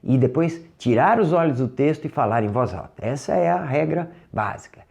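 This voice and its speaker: A man with a Brazilian Portuguese accent teaching English vocabulary in a recorded lesson, patiently drilling each word and slowing down to model how it sounds. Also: mid-range voice, animated, gravelly, darkish tone. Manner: patient, drills words, slows down to model pronunciation.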